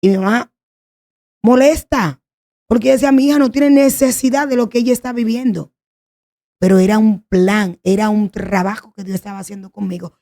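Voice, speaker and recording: A woman tells her personal testimony in an earnest, pleading way. Her voice has a gravelly fry. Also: mid-range voice, a little fast, dark tone. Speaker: guest sharing a testimony.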